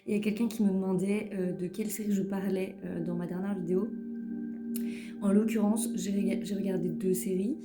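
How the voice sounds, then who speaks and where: With a mid-range, fairly even and rather quick voice, a tarot reader gives a casual weekly guidance reading. She speaks hesitantly, full of fillers and repeated words, and pokes fun at her own English, while the room echoes and faint music plays in the background.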